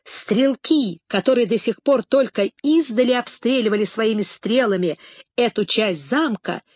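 A woman narrating a novel in a measured, even reading voice as an audiobook narrator. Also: a little high, no echo.

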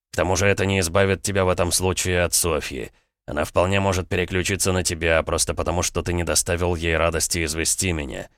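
A man voicing a selfish, stubborn middle-aged nobleman in an audiobook, in a flat, cold, unhurried delivery. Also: deep voice, no echo, clean studio sound. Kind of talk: audiobook character voice.

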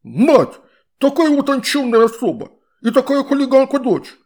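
A man voicing a grumpy, fat old male river spirit with a bubbling, shrill voice, scolding children in a storybook reading. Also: sing-song, moderate pace, a little mellow, full character voice. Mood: indignant scolding. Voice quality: gurgling, shrill and indignant. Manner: scolding, threatening to tell parents.

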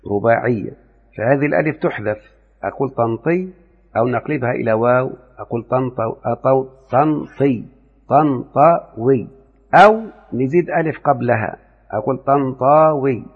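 A man with an Egyptian Arabic accent gives a grammar lesson, explaining step by step and often quizzing his students. His voice is gravelly and husky. The recording sounds thin and phone-like, with a long reverb tail. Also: mid-range voice. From Upper Egypt. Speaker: grammar teacher. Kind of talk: classroom lecture on Arabic morphology.

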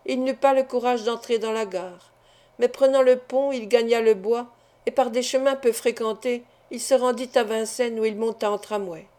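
A woman reading a classic novel aloud in a measured, expressive audiobook narration. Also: a little high. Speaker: audiobook reader.

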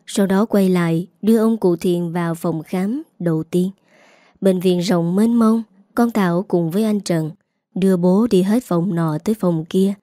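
A woman narrating a scripted story in a steady, earnest way. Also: mid-range voice, dry recording, studio quality.

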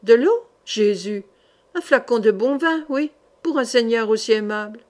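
A woman's voice: on the high side, normal speed, lightly acted. A woman reader voicing a kindly old shopwoman who exclaims eagerly. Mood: exclaiming.

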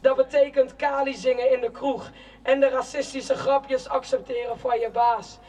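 A young woman giving a protest speech in a slow, declamatory spoken-word style, with shouted chants between lines. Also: high-pitched, flat delivery. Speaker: rally speaker. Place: outdoor city square at a demonstration. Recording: distant outdoor rally recording.

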